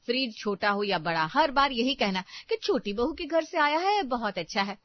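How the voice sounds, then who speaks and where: A woman's voice: fairly high pitch, expressive, moderate pace, no room sound, close to an everyday voice. A woman voicing a bitter elder daughter-in-law. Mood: indignant. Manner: bitter, complaining, sharp retorts. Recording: dry, dull lo-fi voice track.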